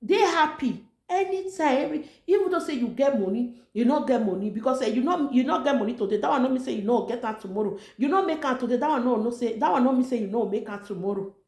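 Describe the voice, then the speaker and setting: A woman's voice: fairly high pitch, expressive, fast, hardly any pauses, darkish tone. A woman with a Nigerian accent speaking Nigerian Pidgin, giving an informal motivational talk in an emphatic, repetitive, exhorting way. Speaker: online motivational vlogger. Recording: echoey room.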